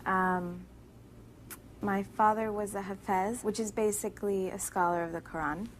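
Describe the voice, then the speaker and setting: A woman's voice: medium pitch, steady tone, moderate pace, a little hiss or hum, natural voice. An actress playing a shy young woman teacher from Brooklyn who talks in a hesitant, earnest way. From Brooklyn, New York.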